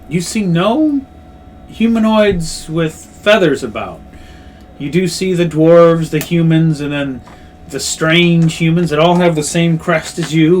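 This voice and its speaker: A man's voice: fairly high pitch, slight background noise. A man running a tabletop role-playing game, improvising descriptions and explaining the rules as game master.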